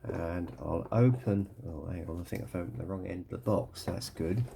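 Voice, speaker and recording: Deep, croaky British man reviewing models. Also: moderate pace, noisy background. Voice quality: croaky, congested. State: ill with a cold or hay fever, coughing. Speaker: scale model kit reviewer. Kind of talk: casual unboxing review.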